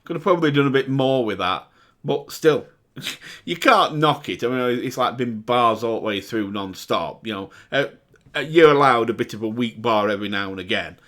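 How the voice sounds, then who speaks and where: Male reaction host; relaxed, rambling lyric breakdowns, average pitch. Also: moderate pace. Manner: chatty, breaks down lyrics with fillers and restarts. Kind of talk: casual commentary reacting to music.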